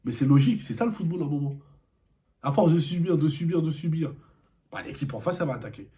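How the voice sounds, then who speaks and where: A man's voice: on the high side, lively intonation, fast, mellow. A man giving an angry post-match football debrief, repeating himself and firing rhetorical questions. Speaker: football vlogger.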